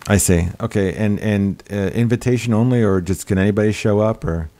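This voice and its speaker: A man hosting a casual roundtable chat, talking in a rambling, halting way with many restarts. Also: on the low side, warm tone. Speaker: podcast host.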